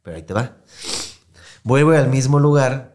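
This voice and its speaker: A man's voice: mid-range voice, a little fast. Slangy Mexican man telling a story. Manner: slangy, animated, acts out quoted voices. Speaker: podcast host. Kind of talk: casual storytelling chat.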